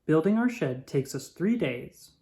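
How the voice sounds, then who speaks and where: At a medium pitch, a narrator reads a children's picture book aloud, telling the story expressively and at a measured pace.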